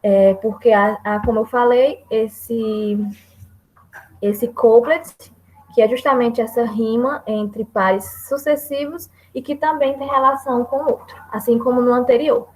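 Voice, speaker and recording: A woman's voice: a little high, steady tone, measured pace, darkish tone, poor audio. A woman with a Brazilian Portuguese accent giving a hesitant classroom presentation on poetry, full of fillers and restarts. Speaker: student presenter.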